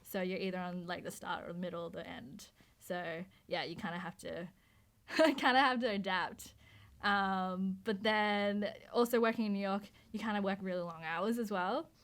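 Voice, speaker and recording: With a steady, mid-range voice at a normal speed, a woman in her thirties talks about her career as a motion designer. Originally from Hong Kong but raised in Australia, she chats through the interview questions, often using fillers and restarting sentences.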